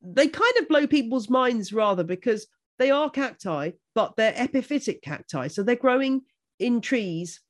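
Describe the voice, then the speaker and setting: A middle-aged woman from Buckinghamshire with a Home Counties accent, chatting informatively and enthusiastically about her expertise in an animated, emphatic way. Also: a little high, moderate pace. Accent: English Home Counties. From Buckinghamshire, England. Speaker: houseplant expert and author.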